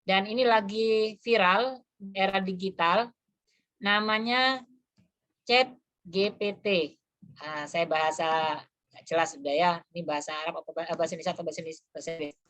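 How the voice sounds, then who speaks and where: A woman's voice: lowish voice, brisk, long pauses, a bit bright. A woman presenting an online lesson, explaining step by step as she demonstrates an app on her phone. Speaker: webinar presenter.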